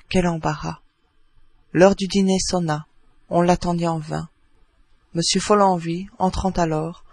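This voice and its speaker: Husky, high-voiced male narrator. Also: no echo. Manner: measured, expressive storytelling. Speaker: audiobook narrator. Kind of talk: literary audiobook reading.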